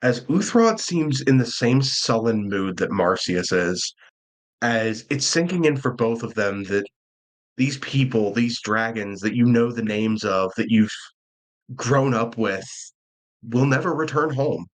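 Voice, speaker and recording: A man running a tabletop game as dungeon master, chatty and quick, laughing often. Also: medium pitch, expressive, poor audio.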